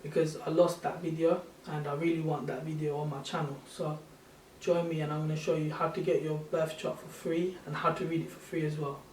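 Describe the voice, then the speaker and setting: A man's voice: fairly high pitch, flat delivery, a little fast, few pauses, a little mellow, slight background noise. Rambling man in his thirties explaining. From Sri Lanka. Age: 30s. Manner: loose, rambling explanation with self-corrections. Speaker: channel host. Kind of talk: casual screen-share tutorial.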